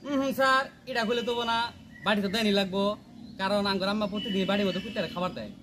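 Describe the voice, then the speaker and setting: A man's voice: sits high, rapid-fire, noisy background. A man repeating his lines in takes on an outdoor film set. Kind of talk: rehearsing lines.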